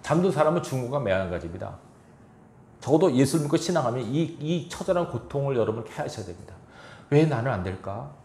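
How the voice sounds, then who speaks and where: A man's voice: mid-range voice, sing-song, quick pace, vocal fry, warm tone, slight background noise. A male pastor giving a sermon, reading scripture and then pressing the congregation with rhetorical questions. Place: church sanctuary. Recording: echoey church room.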